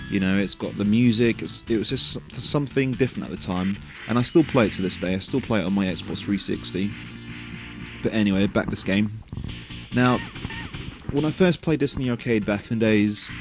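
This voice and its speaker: A man talks casually over retro game footage, rambling from point to point with plenty of "you know" asides. He sounds slightly worn out and short of breath, with a mid-range voice and faint music in the background. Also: mid-range voice. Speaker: retro gaming video host. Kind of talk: casual gameplay commentary.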